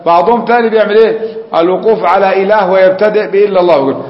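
High-voiced Egyptian sheikh teaching. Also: male voice, rapid-fire. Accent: Egyptian Arabic. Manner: explanatory, keeps asking the class rhetorical questions; chants the call to prayer to demonstrate it. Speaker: religious teacher. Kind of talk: religious lesson. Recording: echoey hall, dull lo-fi sound.

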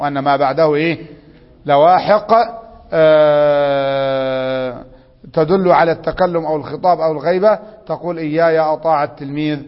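A man's voice: on the high side, big-room sound, highs cut off. A man with an Egyptian accent teaching a grammar lesson, prompting students with questions and reading rules aloud. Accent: Egyptian Arabic.

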